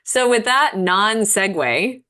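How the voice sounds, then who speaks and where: A woman's voice: medium pitch, animated, takes it slowly, bright, forceful tone. Chatty woman co-hosting a podcast. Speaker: podcast co-host. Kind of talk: casual podcast chat.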